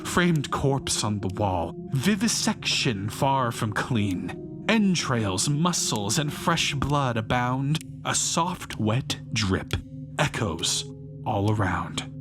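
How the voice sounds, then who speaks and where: A man with a medium-pitched voice performs an intense, rhyming dramatic monologue as a bitter, self-righteous failed painter who has become a fanatical vandal. The mood is grim and disgusted, with music playing behind him.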